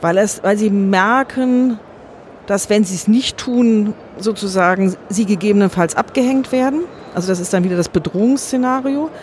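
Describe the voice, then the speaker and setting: A woman giving thoughtful, earnest answers in an interview, measured and often correcting herself mid-sentence. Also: medium pitch, a little mellow, a little hiss or hum. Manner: earnest and optimistic. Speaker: interview guest.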